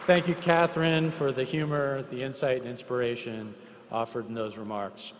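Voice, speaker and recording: A man's voice: medium pitch, steady tone, moderate pace. A man presiding over a ceremony, formal and courteous as he introduces the next part. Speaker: ceremony official. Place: large hall. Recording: hall reverb with faint crowd.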